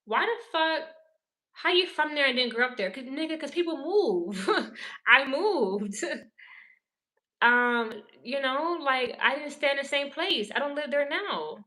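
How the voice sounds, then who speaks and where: A woman's voice: high voice, animated, unhurried, sharp tone. A woman from New Orleans ranting profanely in casual livestream commentary, answering her chat. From New Orleans, Louisiana. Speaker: pop culture commentator.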